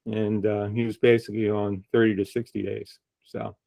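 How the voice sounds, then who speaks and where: Older man from Philadelphia, judicial candidate, measured, halting, dry close sound. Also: on the low side, little pitch movement, gravelly, dark tone, no room sound. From Philadelphia area. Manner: measured, recounting with many pauses. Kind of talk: interview answers.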